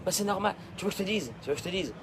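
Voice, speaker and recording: A male rabbi preaching a sermon, emphatic and repetitive, swinging between loud declarations and hushed asides. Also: sits high, expressive, very fast, noisy background.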